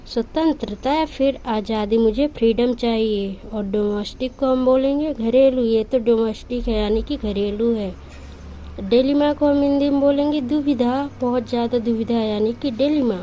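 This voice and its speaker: High, mellow-voiced woman drilling vocabulary. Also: slight background noise, poor audio. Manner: slow, repetitive word-by-word drilling with example sentences. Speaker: English vocabulary teacher. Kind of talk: vocabulary lesson.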